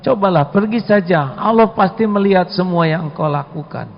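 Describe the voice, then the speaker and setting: A steadfast, pious father who speaks firmly and insistently, as a preacher acts him out, his voice raised high. The recording is dull and rings with long hall reverb. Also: fairly quick, gravelly. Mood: urging.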